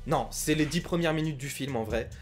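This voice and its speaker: A man's voice: fairly high pitch, fairly quick, faint music behind. A young man giving a frank, critical film review in a casual talk, with many filler sounds.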